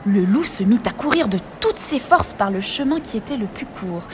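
A woman narrating a storybook aloud at a middling pitch, steady and expressive. A faint hiss of noise sits in the background. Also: normal speed.

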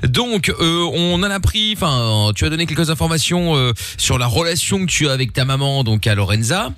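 Radio host, male, animated and jokey, dry studio sound. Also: on the high side, moderate pace, no room sound, soft background music. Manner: lively, joking, fillers. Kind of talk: late-night call-in radio chat.

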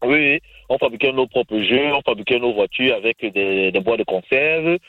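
A man from Africa calling a radio show, giving casual opinions in halting, repetitive phrases over a phone. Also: medium pitch, dry recording. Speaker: radio call-in listener. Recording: narrow tinny phone line.

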